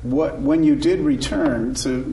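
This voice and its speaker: A man's voice: medium pitch, steady tone, measured pace, mellow, a little hiss or hum. Man moderator, distant from mic. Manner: hesitant questions. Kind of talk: interviewing a guest.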